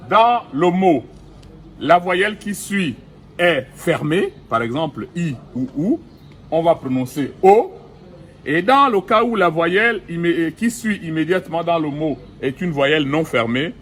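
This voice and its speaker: A middle-aged man giving a recorded language lesson outdoors, speaking slowly and deliberately and repeating each vowel and example word. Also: a little high, slight background noise. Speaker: language teacher. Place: outdoors in the sun.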